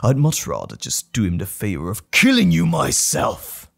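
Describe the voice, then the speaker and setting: A man voicing Mr. Hyde, a menacing, sadistic alter ego with a gravelly voice and a taunting, emphatic delivery, in a dramatic audio roleplay. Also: mid-range voice, huge pitch swings, normal speed, full character voice. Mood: furious, contemptuous.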